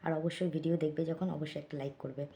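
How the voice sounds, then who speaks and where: Softly murmuring low-voiced woman. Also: steady tone, fast, slight background noise. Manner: speaks very softly so as not to wake someone. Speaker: vlogger. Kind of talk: late-night hushed vlog chat reading comments.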